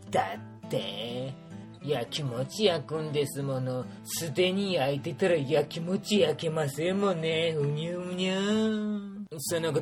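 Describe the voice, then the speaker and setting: A playful storyteller recapping a group trip, full of puns and little sound effects. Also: medium pitch. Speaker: tour organizer recounting a trip. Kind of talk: casual spoken trip recap.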